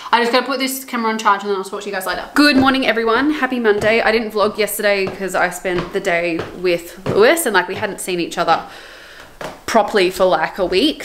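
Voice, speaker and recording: Casual woman vlogger, twenties, chatty and rambling, mid-pitched, roomy home sound. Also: a bit bright. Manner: chatty, rambling with many fillers. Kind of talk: casual vlog chat to camera. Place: home kitchen and bedroom, indoors. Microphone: camera mic, close to mid distance.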